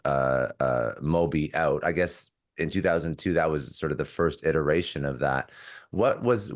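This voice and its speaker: A man hosting a podcast, asking long, eager, rambling questions. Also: deep voice. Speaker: podcast host. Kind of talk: interview questions.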